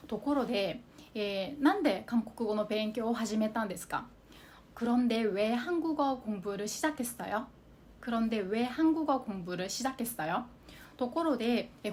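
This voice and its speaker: A woman teaching a language lesson, repeating example sentences slowly and carefully. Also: on the high side, darkish tone. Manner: slow, careful repetition of example phrases.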